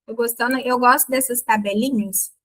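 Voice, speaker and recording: A woman teaching an online English lesson, explaining grammar in a lively, playful way and exaggerating her intonation on examples. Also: a little high, normal speed, low-quality recording. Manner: chatty and playful with students.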